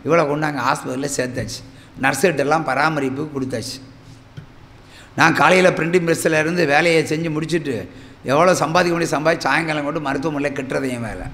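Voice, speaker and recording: A middle-aged man, preaching a sermon and telling a personal story, with dramatic swings between loud exclamations and low murmurs. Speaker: pastor. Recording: long hall reverb.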